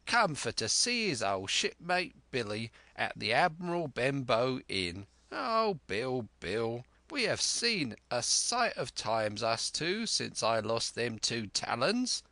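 A man's voice: mid-range voice, big pitch swings, takes it slowly, hardly any pauses, pushed and bright, dry recording, exaggerated voice. A man doing a sly wheedling pirate. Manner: wheedling sailor's dialect. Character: sly menacing male pirate, fawning and sneering.

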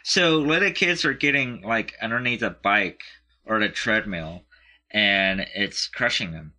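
Low voiced guy rambling, lots of ums, super bright sharp tone. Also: unhurried. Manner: rambling, hesitant, searches for words. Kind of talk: casual chat.

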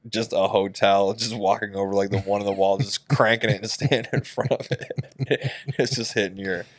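A man's voice: fairly low pitch, steady tone, normal speed. A man co-hosting a podcast, easygoing and supportive, chatting casually and often saying "dude". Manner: easygoing, says "dude" a lot, encouraging. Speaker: podcast co-host. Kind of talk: casual chat.

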